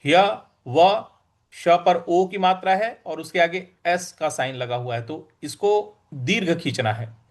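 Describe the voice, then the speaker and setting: A man teaching how to recite Sanskrit verse, breaking words into syllables and repeating them slowly and deliberately. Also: high-pitched. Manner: slow, deliberate syllable-by-syllable drilling.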